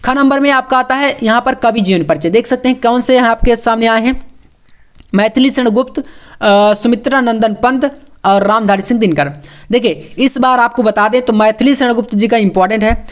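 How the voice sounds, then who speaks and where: A man's voice: very high-pitched, normal speed. A young man coaching students for an exam, walking through model answers with emphatic, repeated reminders and coaxing asides. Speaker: exam prep tutor.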